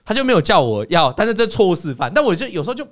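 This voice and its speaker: A man hosting a casual chat, telling stories in an animated way and acting out scenes. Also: sits high, racing. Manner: animated storyteller, acts out scenes. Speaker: podcast host.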